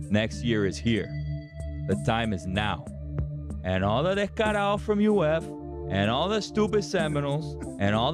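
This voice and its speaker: A man playing a brash, hyped-up young Miami superfan with a Cuban-American accent, delivering a booming, dramatic motivational speech in slangy Spanglish over music. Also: close to an everyday voice. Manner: emphatic, dramatic build-ups, slangy Spanglish. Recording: background music under the voice.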